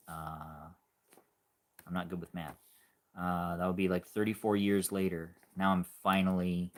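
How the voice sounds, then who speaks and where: A man in his forties chatting casually on a livestream, musing in a halting way and trailing off softly at times. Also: sits low. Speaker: animator hosting a livestream.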